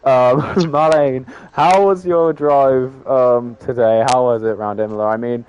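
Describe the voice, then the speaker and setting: A man hosts a casual racing stream and keeps stumbling through "I mean" and "um" as he talks. His voice is mellow and dark. The audio is dull and lo-fi, like a streamed voice chat. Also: mid-range voice, fairly even intonation, unhurried. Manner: filler-heavy, rambling, frequent "I mean". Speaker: host of sim racing league broadcast. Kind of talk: casual post-race interview.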